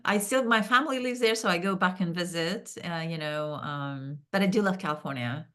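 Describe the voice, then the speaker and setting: Lower-voiced woman. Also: normal speed, a bit bright. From Kazakhstan. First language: Russian. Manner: thoughtful, with many fillers and restarts. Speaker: guest, business founder. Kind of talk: podcast interview.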